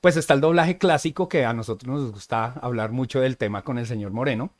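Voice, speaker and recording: A man co-hosting a casual podcast, chatty and easygoing, who often pauses on "eh" and checks in with "¿sí?". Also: mid-range voice. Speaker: podcast co-host.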